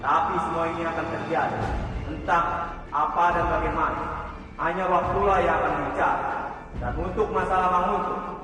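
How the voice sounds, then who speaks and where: A man playing an imperious dark lord, a supreme king of darkness, in a commanding, ominous fantasy drama delivery. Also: fairly high pitch, fairly even intonation, moderate pace, close to an everyday voice. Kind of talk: fantasy television drama acting. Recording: very echoey cavernous reverb, distant, music behind.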